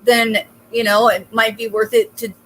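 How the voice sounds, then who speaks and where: A woman's voice: a little high, level tone, normal speed, a bit bright, a little hiss or hum, poor audio. Supportive woman hosting a video call. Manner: chatty and supportive, many fillers. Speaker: host. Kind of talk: casual advice interview.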